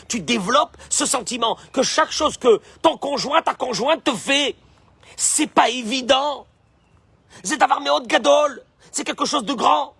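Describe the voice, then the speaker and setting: A man's voice: very high voice, gravelly, bright, forceful tone, husky, no echo. A rabbi giving a Torah lesson with Hebrew quotations, who acts out the complaining voices he describes and keeps asking rhetorical questions. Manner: fond of rhetorical questions and repeating phrases.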